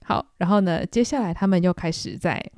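A woman's voice: fairly low pitch, brisk, a little mellow, no room sound, clean studio sound. Chatty woman podcaster. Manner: chatty, acts out quotes. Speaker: podcast host. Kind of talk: casual book club retelling.

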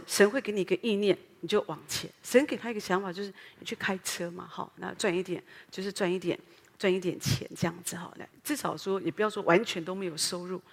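Woman pastor, Taiwanese Mandarin accent, husky voice, earnest animated sermon, reverberant church. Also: medium pitch. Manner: earnest, animated preaching with many fillers and rhetorical questions. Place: church sanctuary. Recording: long hall reverb.

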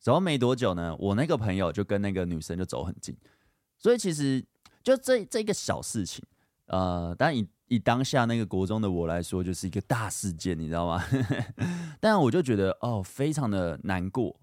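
A young podcast host tells personal stories in a casual monologue, chatty and candid with lots of fillers, getting animated when he retells events. His voice sits low at a normal speed, in a dry, clean studio recording.

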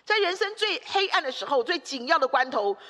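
Woman preacher, high voice, emphatic sermon, repeated rhetorical phrases, long church-hall reverb. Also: very animated, brisk, bright, forceful tone.

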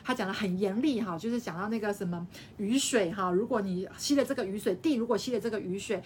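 A woman teaching a live-streamed Bible study, explaining by repeating her phrases and tagging sentences with a soft "ha". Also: mid-range voice, quick pace, slight background noise.

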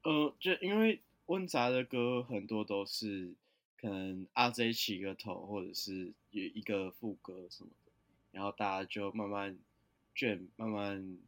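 A man in a band, telling a relaxed story in an interview and acting out what others said. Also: fairly low pitch, measured pace. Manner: relaxed storyteller, acts out quotes. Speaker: band member, guest.

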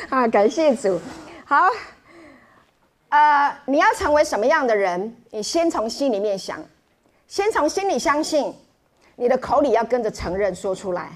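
A woman's voice: on the high side, big pitch swings, normal speed. A middle-aged woman pastor, preaching a sermon in a playful, joking, storytelling way.

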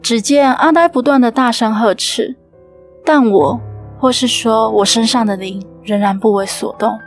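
Woman host with a Taiwanese Mandarin accent, steady suspenseful storyteller, slightly high voice. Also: moderate pace, soft background music. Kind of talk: storytelling narration.

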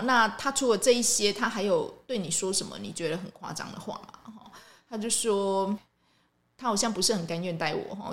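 A woman hosting a podcast, telling a story in a casual monologue, acting out the quoted dialogue and often ending phrases with a light "ha". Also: mid-range voice. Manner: animated, acts out quoted dialogue in shifting tones; frequent light "ha" tag at ends of phrases. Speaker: podcast host.

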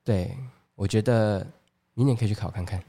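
A man in his thirties with a Taiwanese Mandarin accent, chatting as a podcast co-host. His voice sits a little low. He talks in a playful, joking way. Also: steady tone, normal speed, mellow, long reverb tail. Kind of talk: casual chat.

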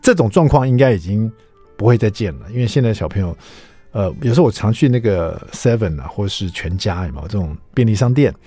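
A middle-aged man with a Taiwanese Mandarin accent, hosting a radio show and chatting through an animated story. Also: lowish voice, brisk, soft background music. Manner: animated, chatty, acts out quoted lines. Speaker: radio host. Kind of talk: casual storytelling monologue. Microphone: studio microphone.

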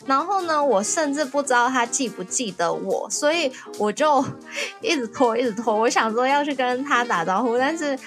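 A young adult woman from Taiwan, co-hosting a podcast and telling a story in casual, animated chat. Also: normal speed, faint music behind. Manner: lively, animated storytelling with rising excited pitch. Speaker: podcast co-host.

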